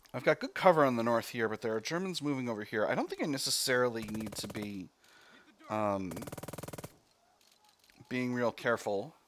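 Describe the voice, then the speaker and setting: A man's voice: mid-range voice, fairly bright tone, slight background noise. A man hosting a video game let's play, thinking aloud as he talks through each decision step by step with mild exclamations.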